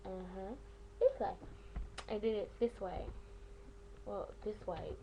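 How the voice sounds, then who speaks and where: Speaking slowly at a medium pitch, a young woman talks to camera in a loose, slangy vlog about piercing aftercare, drifting onto tangents as she goes. High frequencies are cut off, and there's background noise.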